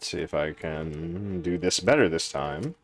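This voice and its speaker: A man's voice: extremely low pitch, measured pace, a little hiss or hum. A man giving casual commentary as he plays a game on stream.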